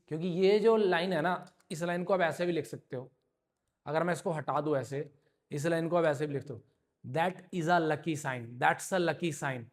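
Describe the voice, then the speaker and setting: Man, English teacher, classroom lesson, patient explaining, frequent check-ins, slightly raised pitch, echoey hall. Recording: long reverb in a hall.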